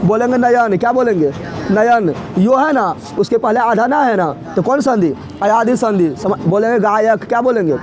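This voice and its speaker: A young male teacher leads an exam-prep grammar lesson at a moderate pace, his voice high for a man and darkish in tone. Like a drill, he keeps posing questions to his students and answering them himself again and again.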